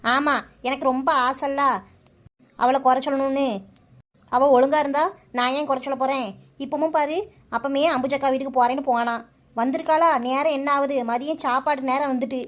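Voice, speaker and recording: A woman doing a brisk village housewife with a Kanyakumari accent. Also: sits high, fairly even intonation, lightly acted. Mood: complaining. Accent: Kanyakumari Tamil. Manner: brisk, practical explaining. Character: busy village housewife, practical and slightly defensive. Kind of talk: cartoon voice acting.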